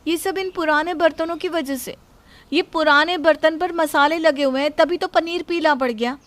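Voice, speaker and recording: In a Hindi moral story, a woman narrator voices a plaintive young daughter-in-law whose very high, insistent voice keeps justifying herself and pushing the blame elsewhere. The acting is light, the pace moderate, and the mood defensive throughout this dialogue.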